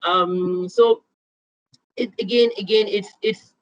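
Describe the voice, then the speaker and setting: A woman's voice: mid-range voice, fairly even intonation, slow, no room sound, lo-fi sound. A woman giving an online lecture, her audio glitchy and cutting out over a video call, talking with many fillers and restarts.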